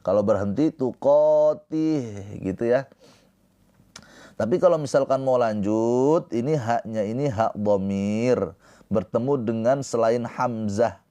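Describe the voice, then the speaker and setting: A man teaching Quran recitation rules in a slow, patient lesson, chanting verse phrases and then explaining them. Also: medium pitch, dark tone. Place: live-streamed lesson.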